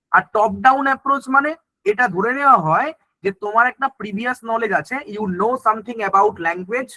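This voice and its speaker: A man's voice: sits high, bright, forceful tone, dry recording, rough recording. A man teaching an exam-prep lesson. He explains in Bengali mixed with English terms and keeps checking that the class is following.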